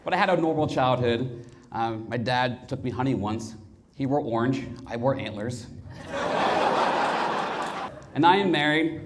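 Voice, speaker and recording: A male stand-up comedian delivering dark, deadpan one-liners on a comedy stage before a live audience. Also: mid-range voice, very noisy.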